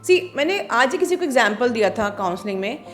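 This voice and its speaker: A woman with a high voice gives a spiritual counseling talk to her viewers. She slows down to stress English phrases and often stops to ask whether everyone is following. Soft music plays faintly behind her. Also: very animated. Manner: slow, emphatic English phrases mixed into Hindi; keeps checking in with listeners. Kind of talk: monologue to viewers.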